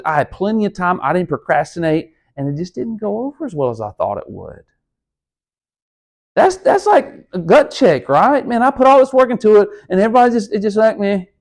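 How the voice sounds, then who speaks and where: In a room with a lectern, a male speech instructor lectures his class in an encouraging, conversational manner, talking straight to the students. His voice is fairly high in pitch with a darkish tone.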